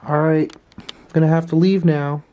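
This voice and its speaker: Nervous hushed man vlogging at night. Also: a little high, fairly even intonation, normal speed, clean tone, lo-fi sound. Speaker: paranormal investigator vlogger. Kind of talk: ghost-hunting vlog, talking to camera. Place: cellar of an old building, indoors. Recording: faint background noise.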